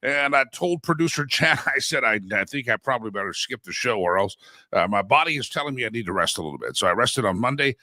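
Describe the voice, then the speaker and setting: Stuffed up and slightly sore from a head cold, a political talk show host rambles folksily with plenty of asides. His medium-pitched voice is expressive, quick, pushed and bright. The studio microphone picks up no room sound.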